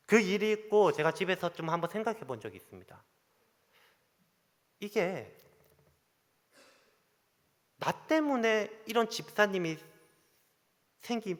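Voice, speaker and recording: A male pastor with a Gyeongsang accent, preaching a sermon and telling stories in an animated way, acting out the dialogue. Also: high-pitched, unhurried, long pauses. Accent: Gyeongsang Korean. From Gyeongsang region, Korea. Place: church sanctuary. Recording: long church hall reverb.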